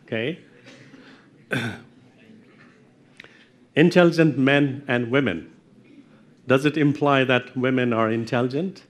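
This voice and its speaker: A man's voice: mid-range voice, slow pace, pauses often. A middle-aged man giving a university lecture, explaining step by step and putting questions to his audience in a lecture room.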